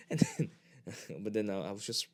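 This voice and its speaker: Swapping stories in a relaxed podcast chat, this young co-host laughs frequently as he talks. His voice runs lowish and darkish, with a sing-song lilt at normal speed.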